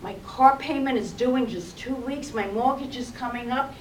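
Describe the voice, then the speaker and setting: A frightened single mother pleads in a rush of anxious words, as a woman preacher acts her out. Her voice sits fairly high and comes from a distance, ringing in an echoey room. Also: normal speed, slight background noise, natural voice. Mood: panicked pleading.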